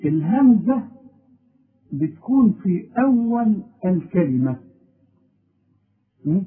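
A man's voice: sits high, sing-song, slow pace, breathy edge. A man with an Egyptian Arabic accent teaching a recitation lesson, asking and then answering his own questions and stressing key words. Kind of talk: explanatory lesson. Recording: tinny phone-like audio.

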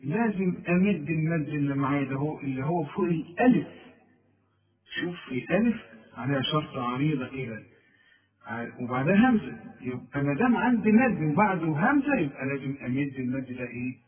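A man's voice: fairly high pitch, lively intonation, reverberant, a crowd in the background. Egyptian man teaching Quran recitation. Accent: Egyptian Arabic. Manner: drawn-out chanted recitation between quick explanations; coaxing, checks with the listener. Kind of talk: tajweed lesson with recited examples. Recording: thin phone-like sound from a distance.

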